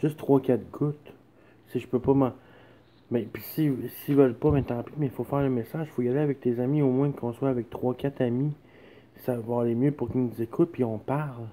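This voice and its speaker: A man's voice: mid-range voice, steady tone, brisk, dark tone, slight background noise. A man with a Quebec French accent making a rambling, insistent personal plea, repeatedly checking that he is understood. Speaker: son speaking to his mother.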